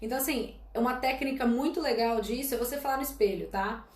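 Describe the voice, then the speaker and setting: This woman, late twenties and from Brazil, teaches English and once worked as a flight attendant. Her high-ish voice moves fast in an echoey room as she delivers blunt career advice in a live-stream Q&A, direct and emphatic, repeatedly asking "tá?" and calling out "gente".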